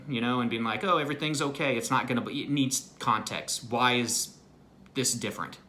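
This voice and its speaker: Man, self-help coach, earnest motivational talk, mid-pitched voice, faint background hiss. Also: bright, forceful tone. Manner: earnest, repetitive, peppers lines with "right?" and "you know". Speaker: anxiety recovery coach.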